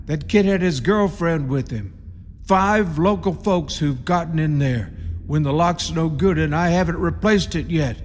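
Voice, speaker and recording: A man plays an eerie rural caretaker of a haunted tomb, speaking slowly in a fairly high voice with a grave, warning mood. His radio-play horror storytelling is halting, ominous, and folksy. The recording is a reverberant radio drama with an echo and audible background noise.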